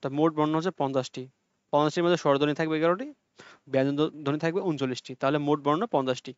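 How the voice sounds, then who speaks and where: Fast-talking male tutor. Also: a little high, fairly even intonation, smooth, no room sound. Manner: explains step by step, repeating key points and checking understanding. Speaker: teacher. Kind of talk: exam-prep Bangla lesson. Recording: dull lo-fi audio.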